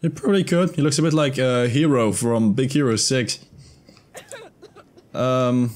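A man's voice: medium pitch, measured pace, a little mellow. A man in his twenties giving casual let's-play commentary into a close desk mic, thinking aloud in a hesitant mutter. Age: 20s. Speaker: gaming video host. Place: indoor room at a desk. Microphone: close desk microphone.

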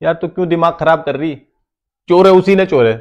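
A man's voice: a little high, fairly quick, a little mellow, lo-fi sound. A young man arguing at home with his wife. He keeps accusing and brushes her off with needling remarks. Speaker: husband pulling a prank. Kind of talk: heated domestic argument.

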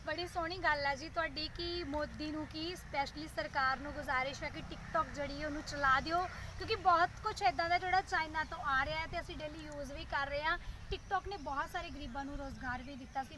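A woman's voice: high voice, fairly quick, few pauses. A woman, hosting an interview outdoors. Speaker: interviewer and host. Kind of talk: on-location interview. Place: outdoors in a leafy park. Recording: noisy outdoor recording.

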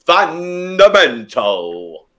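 On a playful video call, a drag queen guest with a German accent laughs as he tosses out campy, sassy example insults. He speaks very slowly in a high, pushed, bright voice that swings widely in pitch.

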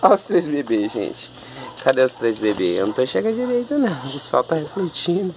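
A woman with a Brazilian Portuguese accent chatting casually to her puppies in high cooing baby talk. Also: very animated, fairly quick, darkish tone, a little hiss or hum. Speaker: pet vlogger.

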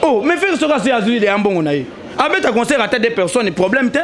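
This young man's pitch is extremely high and his delivery fast as he debates heatedly, pressing each point harder and blending Lingala with French. The clip comes from a handheld mic aimed at him in a small studio room, with a faint crowd audible.

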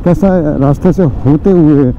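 A little slow, with a fairly high pitch and a dark tone, this man in his forties vlogs from his motorcycle on city and village roads, talking to viewers as friends and using many fillers. Faint traffic and road noise sit under the dull lo-fi audio from a helmet or bike-mounted action camera mic.

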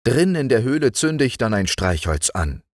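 A man voicing a calm, fond uncle in a storybook reading. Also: mid-range voice, normal speed, no room sound, studio quality, voice pushed up. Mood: gentle.

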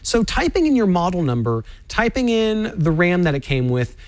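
A man's voice: high-pitched, sing-song, moderate pace. A man explaining how to overclock a graphics card in a cautionary, instructive way. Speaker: tech demo guest explaining overclocking. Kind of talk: explanatory studio segment.

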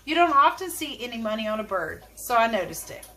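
A woman's voice: a little high, sing-song, fairly quick, sharp tone, soft background music, full character voice. A woman voicing an eager, chatty male salesman telling what he saw, in a storybook reading.

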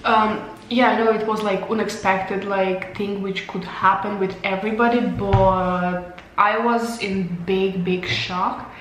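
Speaking slowly in a steady, medium-pitched, fairly bright voice with slight hiss or hum, a young woman vlogs casually. English isn't her first language, and she laughs often while losing her voice, filming at arm's length in an echoing tiled hotel bathroom.

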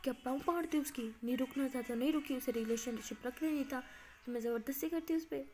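A woman's voice: sits high, a little fast, a little mellow, soft background music, lightly acted. A woman voicing a teasing, stubborn young female college student with defiant, playful retorts.

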